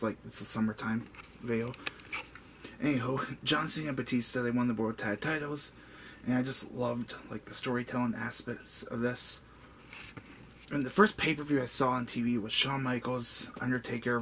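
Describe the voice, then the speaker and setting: A man in his twenties casually rambling through a personal story in a vlog, full of "like" and "um". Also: mid-range voice. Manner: rambling, with many "like" and "um" fillers. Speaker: vlogger. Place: indoor room with a buzzing bug. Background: faint background noise and a buzzing bug.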